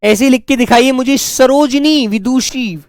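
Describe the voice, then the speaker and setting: A male teacher giving a spelling class, dictating words slowly and repeating each one, talking to pupils in a fatherly way. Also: very high voice, no room sound, studio quality. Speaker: Hindi teacher.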